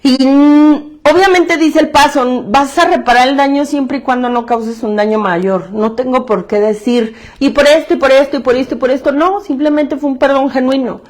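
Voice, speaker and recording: A woman's voice: high-pitched, moderate pace, few pauses. Blunt, slangy Mexican woman speaker. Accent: Mexican Spanish. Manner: blunt, slangy and emphatic, swears freely; repeats phrases for emphasis. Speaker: self-help group speaker. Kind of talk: candid testimony talk.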